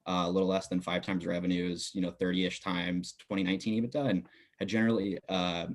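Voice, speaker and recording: A man's voice: low voice, flat delivery, a little fast. A young adult man, a business student, talking as a podcast guest in a casual interview, giving detailed answers with many filler words.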